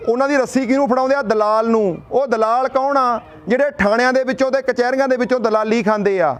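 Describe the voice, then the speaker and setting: A man's voice: extremely high pitch, steady tone, quick pace. A middle-aged man from Punjab giving an impassioned speech at an outdoor protest, firing rhetorical questions and telling folksy stories. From Punjab, India. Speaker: speaker at a protest sit-in.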